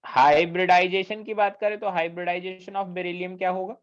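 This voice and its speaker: A man lectures on chemistry in a steady, high voice at a measured pace. Switching English technical terms into his Hindi, he often checks the students' understanding with questions. The recording has a dull, lo-fi quality.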